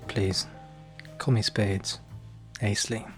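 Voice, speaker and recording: Faint music plays behind a fairly low-pitched, slow Northern English voice as he acts out a bragging, clumsy noir detective for ASMR. He narrates deadpan, dropping hesitant asides, wry and pleased with himself.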